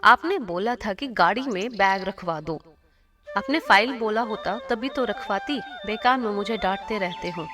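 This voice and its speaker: A woman's voice: mid-range voice, expressive, a little slow, close to an everyday voice. Woman doing a naive young cartoon daughter-in-law. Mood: innocent. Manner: innocent, literal-minded questioning. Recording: cartoon voice over loud music.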